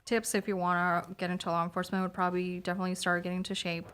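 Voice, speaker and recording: A woman's voice: on the low side, flat delivery, rapid-fire, a bit bright, clean tone. A woman in her thirties from New Mexico, a police officer telling stories casually in an interview, with many fillers. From New Mexico, USA. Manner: chatty, laughing anecdotes with lots of "like". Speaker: police officer, podcast guest.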